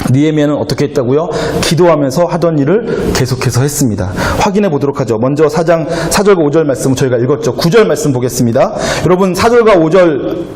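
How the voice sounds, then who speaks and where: A man's voice: on the high side, darkish tone, slight background noise. A male pastor preaching to a youth congregation, asking the room rhetorical questions and acting out quoted speech. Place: church sanctuary. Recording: echoey church hall with faint ambience.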